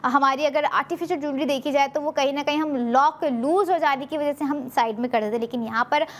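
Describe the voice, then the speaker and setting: A woman with a Pakistani Urdu accent hosting a TV shopping show, giving a persuasive sales pitch full of fillers. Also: a little fast. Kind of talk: TV shopping presentation.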